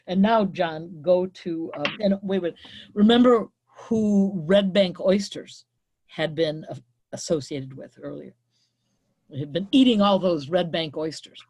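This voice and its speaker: A woman leads a reading class in a chatty, rambling way. Her voice is husky and sits a little low. She apologizes and backtracks often. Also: darkish tone. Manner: chatty, quick apologies, many fillers. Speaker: literature teacher leading a reading group. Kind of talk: casual class discussion.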